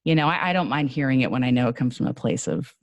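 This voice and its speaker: A woman with a New York accent, talking casually as a podcast guest, animated and quick to laugh with fast asides. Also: a bass voice, no echo, dull audio. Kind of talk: casual conversation.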